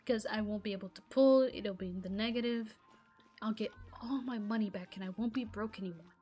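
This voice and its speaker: Soft music sits behind this woman's mid-range, slightly mellow voice as she talks fairly quickly. An Arabic-first-language gaming vlogger, she rants to camera in a casual, exasperated ramble, dropping sentences midway.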